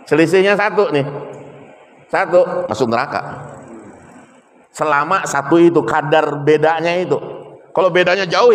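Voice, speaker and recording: A man preaching a sermon in a fairly high voice, shifting into animated storytelling. Long reverb from a large hall trails his words. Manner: animated storytelling with acted quotes.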